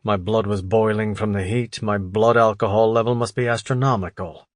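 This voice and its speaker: Steady male audiobook narrator. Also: on the low side, moderate pace, dry recording, studio quality. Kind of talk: scripted narration.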